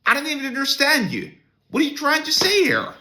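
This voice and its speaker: A man with a Norwegian accent hosts a solo podcast, ranting bluntly and scornfully and often starting over. His very high voice swoops wildly in pitch, sounding brisk, pushed and bright throughout his opinionated tirade.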